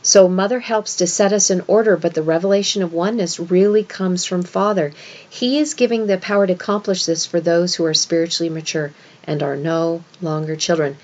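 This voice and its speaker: Low-pitched woman teaching scripture, dull sound. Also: darkish tone. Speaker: religious teacher. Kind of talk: esoteric scripture lesson.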